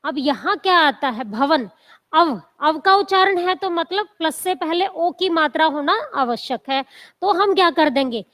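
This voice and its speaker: Slow high-voiced woman teaching. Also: lively intonation, a bit bright. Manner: slow, drawn-out syllable-by-syllable teaching with repeated questions. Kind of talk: exam coaching lecture.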